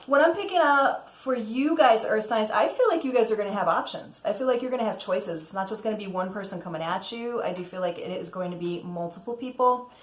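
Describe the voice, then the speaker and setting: A woman in the middle pitch range hosts a casual tarot reading, talking straight to her viewers. She is chatty, keeps asking "okay?", and breaks into bright whoops. Her voice rings in a roomy, echoey space. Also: brisk, hardly any pauses. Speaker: tarot reader.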